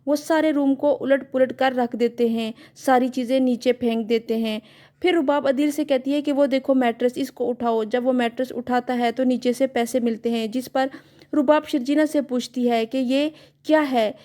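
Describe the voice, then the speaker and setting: A woman narrating a scripted recap of a drama episode in an even, matter-of-fact way. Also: high-pitched, moderate pace.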